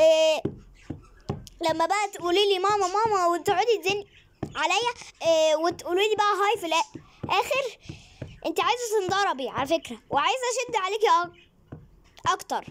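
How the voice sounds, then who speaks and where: A girl voicing a strict Egyptian mother who hunts for her daughter and scolds her loudly and threateningly. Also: very high-pitched, moderate pace, long pauses, a little hiss or hum, voice pushed up. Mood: scolding. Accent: Egyptian Arabic. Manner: loud, threatening, nagging. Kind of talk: voicing characters in a game role-play.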